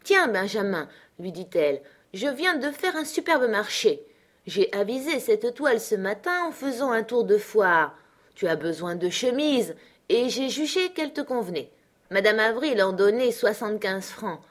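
Une lectrice qui fait parler une femme âgée, pratique et grondeuse, qui sermonne son frère. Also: female voice, mid-range voice, lightly acted. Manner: fussing, reproachful. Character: scolding, practical older sister, a woman.

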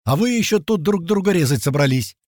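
A man's voice: on the high side, lively intonation, a little fast, a little mellow, no echo, clean studio sound, voice pushed up. A man voicing a firm, commanding middle-aged man in an audiobook. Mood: stern. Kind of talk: audiobook character voice.

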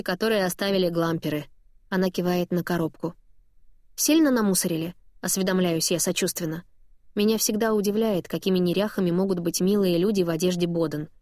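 Woman reading a lively first-person novel. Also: on the low side, dry recording, clean studio sound. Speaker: audiobook narrator.

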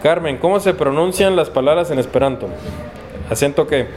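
A man with a Mexican accent teaching a class in a university lecture hall, drilling pronunciation slowly and patiently, word by word. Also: on the high side, a little mellow, soft background music. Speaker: Esperanto teacher.

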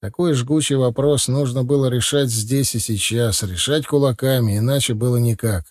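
A man reading a first-person audiobook in a steady, measured way. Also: medium pitch, dry recording, studio quality. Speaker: audiobook narrator.

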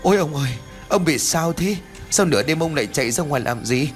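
A flustered old countrywoman, as a male narrator puts her on, alarmed and scolding in a horror audiobook. Lively pitch with faint music behind. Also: fairly quick, natural voice.

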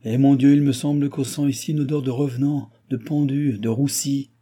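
A man's voice: medium pitch, moderate pace, voice pushed up, close to an everyday voice. A man reading the part of an old, skeptical, boisterous baron who mocks and exclaims. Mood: mocking. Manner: mocking, excitable exclamations.

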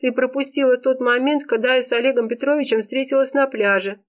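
A woman's voice: fairly even intonation, a little fast, highs cut off, natural voice. A woman reading an audiobook, voicing a tearful young woman who sobs and wails as she talks about love. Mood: tearful confessing. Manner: wailing, high and strained. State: sobbing. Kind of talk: audiobook character voice.

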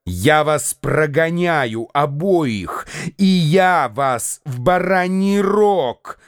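An actor reading a contemptuous, impatient young bully in a radio play. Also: male voice, on the high side, sing-song, slow pace, no echo, clean studio sound. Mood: scornful. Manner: snapping, contemptuous. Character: rough, bullying young man, scornful and impatient.

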